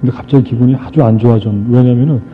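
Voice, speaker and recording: A middle-aged motivational speaker tells stories on stage before a live audience, animated and racing along at a medium pitch. He jokes with the crowd and acts out conversations. The archive recording is tinny and lo-fi, with faint music behind him.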